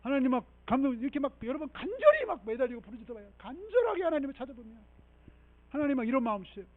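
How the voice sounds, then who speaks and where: A man preaching a sermon as pastor, animated and emphatic, often checking in with the congregation and leading them in reading scripture. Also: very high-pitched, rapid-fire, no echo, narrow, tinny audio. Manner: animated preaching with frequent rhetorical 'eung?' checks. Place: church sanctuary.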